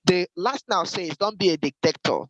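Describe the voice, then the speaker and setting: A man with a high voice gives a church training lecture to Sunday school teachers. He speaks directly and instructively. He repeats his key points for emphasis. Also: lively intonation, a little fast, a bit bright, no room sound, muffled recording.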